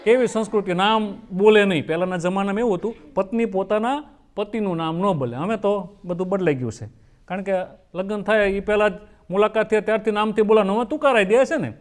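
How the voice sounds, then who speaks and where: On stage, a folk comedian with a high, fast voice tells folksy comic stories, acting out his characters' lines.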